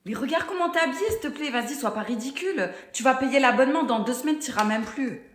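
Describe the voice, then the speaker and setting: A woman's voice: sits high, lively intonation, fast talker, roomy sound. A woman's text-to-speech voice playing a blunt, slangy, evasive young boyfriend in a scripted story. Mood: scornful.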